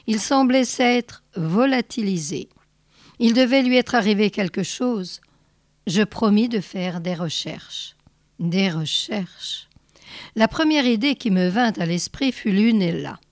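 A woman reading a short story aloud in a measured narrating voice with careful pauses. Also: medium pitch, darkish tone, no echo, clean studio sound. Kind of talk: read-aloud literary narration.

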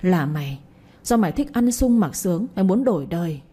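A woman's voice: on the low side, animated, fairly quick, mellow, slightly rough. A woman voicing an angry older village father who scolds harshly and with contempt. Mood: furious.

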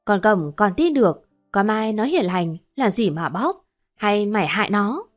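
A woman's voice: mid-range voice, lively intonation, measured pace, soft background music, lightly acted. A woman voicing Mrs. Giá, a harsh, scolding elderly mother-in-law. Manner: gruff, scolding.

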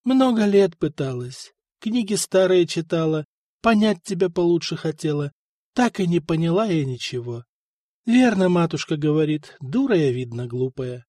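A man reading the part of a worn-out young princess just after childbirth, speaking softly and plaintively. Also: a little high, very animated, normal speed, dry recording, clean studio sound. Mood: anxious. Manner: tired, soft and plaintive.

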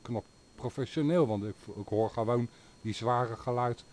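A man's voice: mid-range voice, moderate pace, darkish tone. A man hosting a radio call-in show, chatting casually about his equipment with fillers. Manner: chatty, talks gear at length with fillers. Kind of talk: casual on-air chat.

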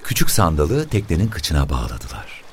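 Man reading a story out loud, super deep voice, lively delivery, faint hiss behind. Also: normal speed. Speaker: narrator. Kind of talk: audiobook reading of a short story.

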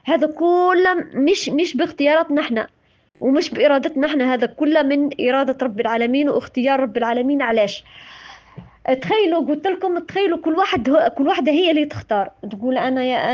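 A woman's voice: sits high, a little mellow, highs cut off. A woman with a Tunisian accent giving an informal religious talk, impassioned and scolding, often repeating her words. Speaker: religious speaker.

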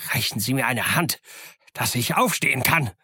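A man voicing a cunning, blustering pirate leader on a crutch, loud and threatening, in an audiobook reading. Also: medium pitch, animated, unhurried, dry recording, studio quality, voice pushed up. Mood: furious.

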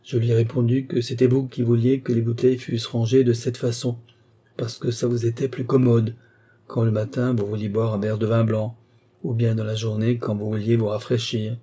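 A man's voice: medium pitch, flat delivery, moderate pace, warm tone, breathy edge, lightly acted. A man voicing a chatty old female country servant, telling her story in a breathless, exclamatory way, for an audiobook. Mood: indignant.

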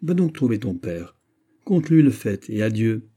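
Guy doing a cocky mocking musketeer, dark mellow lowish voice, audiobook. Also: normal speed. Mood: bold. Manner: lively, boastful, mocking. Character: bold wry middle-aged male musketeer. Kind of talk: audiobook character voice.

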